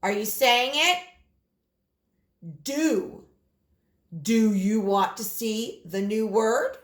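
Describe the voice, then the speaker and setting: Speaking very slowly in a slightly high voice, a woman kindergarten teacher leads young children through phonics. She sounds out words and repeats them with heavy emphasis, encouraging the kids directly.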